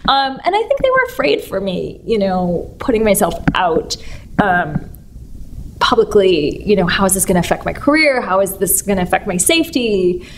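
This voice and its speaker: A woman's voice: mid-range voice, very animated, normal speed, slight background noise. A woman from San Francisco, a stage artist, being interviewed and speaking in a chatty, rambling way with many fillers. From San Francisco, United States. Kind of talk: casual interview.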